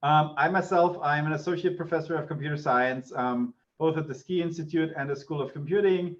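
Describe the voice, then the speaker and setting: On a lo-fi recording, a university lecturer holding an associate professorship delivers a casual online class. He is a middle-aged man from Austria whose native language is German, and his somewhat high voice moves at a brisk pace with an Austrian accent.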